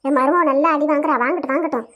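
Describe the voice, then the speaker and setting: Cartoon mother-in-law, old and spiteful, voiced by one performer: high, quick and mocking. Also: fairly even intonation, a bit bright. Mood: gloating.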